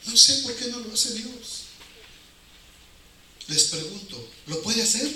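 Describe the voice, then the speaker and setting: A male preacher with a Mexican accent delivers an informal evangelical sermon in a very high-pitched, sharp voice with lively intonation and a slow pace. He is colloquial and emphatic, asking rhetorical questions and repeating phrases for emphasis. The sound is distant, heavily reverberant and noisy, recorded in a very echoey hall.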